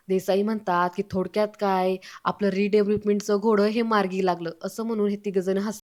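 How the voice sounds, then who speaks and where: A woman retelling a TV serial episode, narrating and reading out every character's lines in a steady storytelling manner. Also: medium pitch. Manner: steady storytelling with quoted dialogue.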